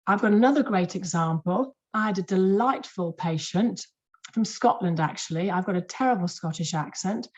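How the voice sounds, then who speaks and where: A woman, a clinician, giving a lively and emphatic webinar lecture to health professionals in a conversational way, repeating words for stress. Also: medium pitch, normal speed. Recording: muffled lo-fi webinar audio.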